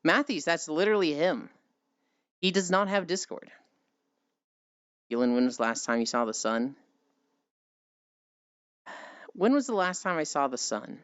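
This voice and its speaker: Hosting a casual livestream, a streamer with a medium-pitched, fairly bright, sing-song voice reads and answers chat, unhurried and pausing frequently, with rambling, playful teasing and mild swearing. The voice is smooth with no echo, though the audio is dull and lo-fi, with music behind it.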